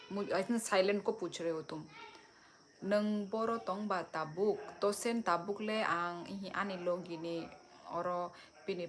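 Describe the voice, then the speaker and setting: A young woman from Tripura talks slowly in a fairly low voice on a phone live stream. She chats warmly with viewers and answers their comments one by one. Faint crickets sound in the background. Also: a little hiss or hum. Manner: chatty, reads and answers viewer comments, switches languages.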